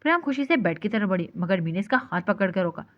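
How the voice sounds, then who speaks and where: Expressive woman reading a novel aloud. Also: mid-range voice, fast. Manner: expressive, doing every character. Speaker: novel reader. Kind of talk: storybook narration. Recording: dull lo-fi recording.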